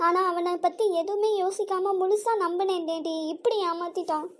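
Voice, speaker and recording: Woman doing a cartoon young woman, very high voice, Tamil accent, betrayed, tearful. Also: fairly even intonation, moderate pace. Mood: grieving. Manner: scornful, then sobbing and pleading. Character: young woman heartbroken by a deceitful lover. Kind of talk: cartoon dub acting.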